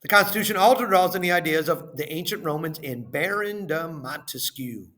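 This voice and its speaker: In a fairly high, pushed, bright voice, a man reads a lesson and worksheet questions aloud as a teacher. He stays deliberate and instructional, accenting phrase openings and tapering off at the ends.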